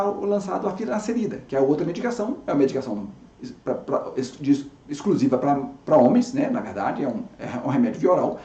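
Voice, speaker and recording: A man in his fifties speaks as a dermatologist recounting his own experience, often restarting his sentences. His voice is high and mellow. The sound is dull and echoey, as if from a bare room. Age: 50s. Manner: chatty, self-correcting, frequent restarts. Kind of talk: personal story to camera.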